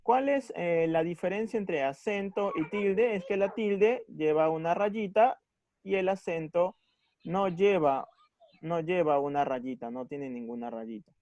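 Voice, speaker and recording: A man teaching a recorded grammar lesson, patient, slowly stressing syllables and checking in with his students after each point. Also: high-pitched, a little mellow, no echo, dull audio.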